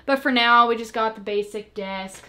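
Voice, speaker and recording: A woman's voice: a little high, normal speed, sharp tone. A woman in her twenties giving a casual, giggly tour of her house to viewers, filmed on a handheld camera at arm's length. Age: 20s. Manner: chatty, giggly, talks to viewers directly. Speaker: vlogger. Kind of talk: casual home-tour vlog. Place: bathroom and rooms of a house, indoors.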